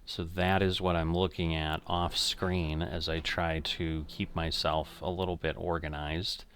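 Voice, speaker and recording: A man's voice: low voice, little pitch movement, measured pace, a bit bright, smooth. An older man casually commenting on a flight simulator game, thinking aloud and correcting himself as he goes. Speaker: flight sim streamer.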